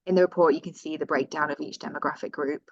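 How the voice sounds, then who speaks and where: A woman's voice: deep voice, fairly even intonation, quick pace, creaky, breathy edge, no room sound, lo-fi sound. A woman with a Northern English accent presenting survey findings in a webinar, reading out figures with fillers and self-corrections.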